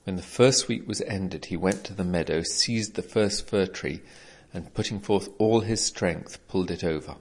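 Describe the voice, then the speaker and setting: A man narrates an old folk tale in a measured storybook way. His voice is very low and steady. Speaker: reader.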